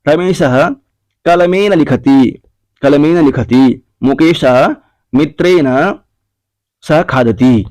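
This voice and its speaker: A man teaching a classroom grammar lesson, slowly repeating and dictating the answers to exercises. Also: on the high side, a little mellow, no room sound.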